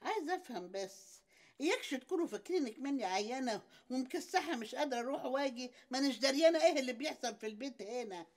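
A woman's voice: sits high, lively intonation, racing. An older woman with an Egyptian accent playing a suspicious, demanding mother-in-law who keeps asking questions in a TV drama. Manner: prying, complaining, insistent questions. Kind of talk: TV series acting.

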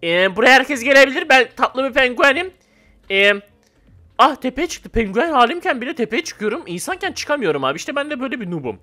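Excitable young man gaming, bright voice. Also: very high-pitched, brisk, faint music behind. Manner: excitable, swings from shouting to mock-calm mumbling. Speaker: gamer. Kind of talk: casual gameplay commentary.

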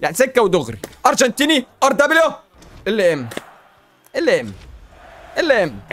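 A man with an Egyptian accent giving casual, excitable gaming commentary as a YouTube host. He chats to his viewers and pleads with the game as he plays. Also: very high-pitched, normal speed, faint music behind. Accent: Egyptian Arabic. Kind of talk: casual gaming commentary while opening packs.

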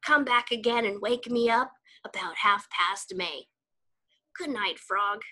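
A drowsy, grumpy male toad from a children's storybook, put on by a woman reading aloud. He speaks low and quiet, slow and sleepy, wanting only to go back to bed.

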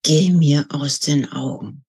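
A woman's voice: fairly low pitch, lively intonation, moderate pace, mellow. A woman voicing a stern, weary man in a read-aloud novel, with a dry, grumbling way of talking.

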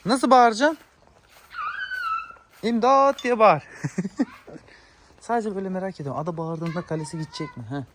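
A man, a father and dog owner, chatting casually to viewers in a yard while giving sharp commands to his dogs. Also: high-pitched, animated, brisk, pauses often, slight background noise. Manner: sharp commands to dogs, shooing them back. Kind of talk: casual vlog talk to viewers.

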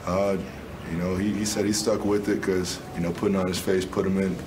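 At a postgame presser, a twentysomething basketball player responds in a calm, measured way, leaning heavily on "um" and "you know." He keeps a level tone, with background noise in the press room.

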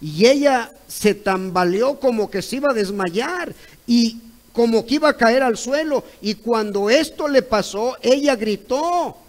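A Mexican man preaching a Sunday school sermon, retelling a conversation, pausing to ask "¿ve?" and at times rising to loud cries. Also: extremely high pitch, expressive, poor audio. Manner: retells a dialogue, repeating "correcto" and "¿ve?"; rises to loud exclaimed cries when acting out others.

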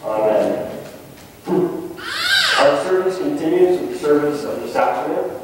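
A man as pastor leading liturgical prayers in a measured, intoning cadence, heard in a large church sanctuary with a cathedral-like echo from a distant mic. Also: on the high side, lively intonation. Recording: cathedral-like echo, voice from far off, faint noise.

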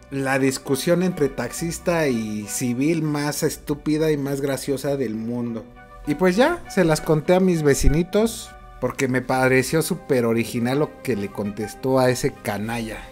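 A man with a Mexican accent telling a funny personal story for his vlog, animated and laughing often. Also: a little high. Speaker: vlogger.

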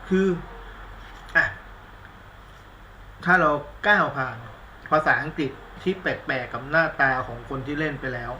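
A man's voice: a little high, unhurried, pauses often, pushed and bright, reverberant, a little hiss or hum. A man doing a casual live-stream movie review, chatty and rambling, with blunt slang and self-mocking asides. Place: indoors at home, live stream.

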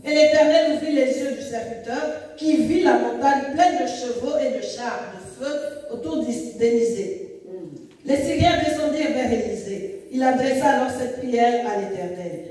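A woman reading scripture aloud in a measured, declamatory way during a church service. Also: high voice, mellow. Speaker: scripture reader and interpreter. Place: large church hall. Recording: echoey hall, distant mic.

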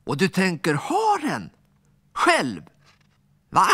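A man voicing an angry young boy who accuses and shouts at a smaller child in a children's story. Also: high voice, huge pitch swings, slightly rough, dry recording, pitched above the performer's own voice, heavily acted. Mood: scolding.

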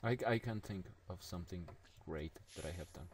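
Man, gaming co-host, lower voice, playful deadpan humor. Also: a little fast, slight background noise. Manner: playful, silly deadpan jokes. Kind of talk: casual gameplay chat.

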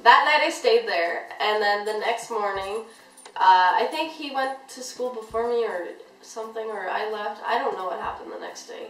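A woman's voice: a little high, moderate pace, fairly bright tone, distant mic. A young woman vlogger telling a story to her camera in a casual, rambling way, with lots of "like". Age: young adult. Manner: chatty, rambling, heavy use of "like". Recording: echoey room, voice a bit off-mic.

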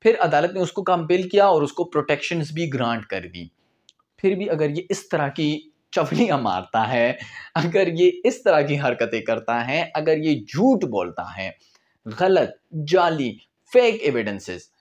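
In a small whiteboard room, a Pakistani-accented man in his twenties lectures casually on law, explaining as he talks and dropping in English legal terms. He has a slightly high, sing-song voice and keeps a measured pace.

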